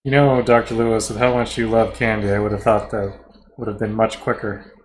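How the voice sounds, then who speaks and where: A man's voice: lowish voice, little pitch movement, a little fast, poor audio. Wry male game master, faint hiss. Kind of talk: narrating and voicing characters in a tabletop game.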